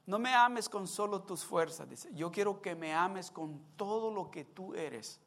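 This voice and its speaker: A male preacher giving a sermon, telling a story and acting out its scenes in an animated way. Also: high voice, a little slow, creaky.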